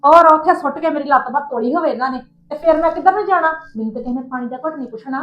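A woman's voice: high voice, very fast, dull audio. A woman acting a quarrelsome mother-in-law in a family drama, scolding and complaining. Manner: scolding, complaining, sharp-tongued.

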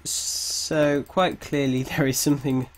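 A man with a cold, sounding a little croaky, thinking aloud through a coding tutorial with hesitant pauses. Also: mid-range voice, level tone. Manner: thinks aloud while typing, hesitant, chuckles at mistakes. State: has a cold, slightly croaky. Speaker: game development tutor. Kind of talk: casual screen-recorded coding tutorial. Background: keyboard typing.

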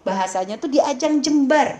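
High-voiced emphatic woman religious teacher. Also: animated, fairly quick, dark tone. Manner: emphatic, scolding, full of rhetorical questions; addresses listeners familiarly. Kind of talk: religious Q&A lecture.

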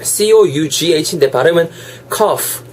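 Hoarse chatty man with a Gyeongsang accent. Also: medium pitch, big pitch swings, a little mellow, slight background noise. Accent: Gyeongsang Korean dialect. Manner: chatty, switches to slow drawn-out English examples. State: sore throat, coughing. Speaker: English teacher. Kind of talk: casual online English lesson.

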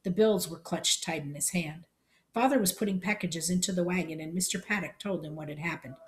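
A woman reading a storybook chapter aloud in plain, steady narration. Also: lowish voice, a little fast.

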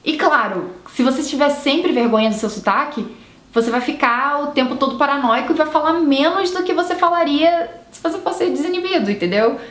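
A young Brazilian woman with a Brazilian Portuguese accent explains things in a relaxed, reassuring way, often tagging questions onto the end of her sentences. Her voice sits a little high. It rings with the echo of a roomy space. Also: fairly quick. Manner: chatty, reassuring, with tag questions. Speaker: English teacher and video host. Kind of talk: casual video lesson.

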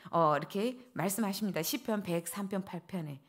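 A middle-aged woman pastor preaching a dawn service sermon, acting out prayers and the dialogue of her stories with lively feeling. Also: mid-range voice, a little fast.

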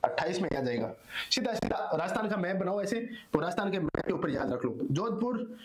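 A hoarse man teaching an exam-solution lecture, repeating answers and asking and answering his own questions. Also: high-pitched, sing-song, fairly quick. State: hoarse, strained throat. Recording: echoey room.

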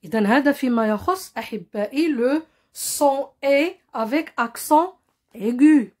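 Moroccan lady teaching french, kinda high voice, slow careful examples. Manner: slow deliberate French examples between quick Arabic explanations. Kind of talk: language lesson.

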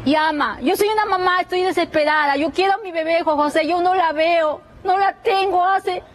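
Desperate high-voiced woman pleading. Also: fairly quick. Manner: pleading, crying, repeating herself. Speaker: mother seeking her baby. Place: outdoors on a city street.

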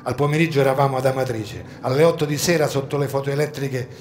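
A man's voice: steady tone, fast talker. Man with a theatrical storytelling voice. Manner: swings from hushed low tones to loud urgent shouts. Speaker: stage reader of a monologue. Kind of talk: theatrical first-person storytelling. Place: outdoor garden stage.

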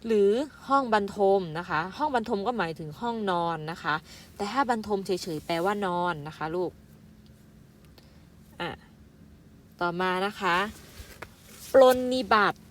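A primary school teacher, a woman, reading out vocabulary syllable by syllable for young pupils, with gentle polite fillers and a motherly way of addressing them. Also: mid-range voice, animated, unhurried, a little hiss or hum. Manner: spells out words syllable by syllable and adds polite "na kha" fillers. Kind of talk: slow, careful vocabulary lesson for young children.

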